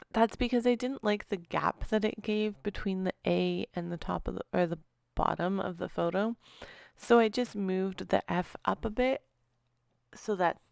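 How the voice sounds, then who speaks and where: Narrating her own scrapbooking video, a woman chats casually, apologizes often and trails off with small laughs. Her voice is on the low side, gravelly and darkish, in a dry, clean studio recording.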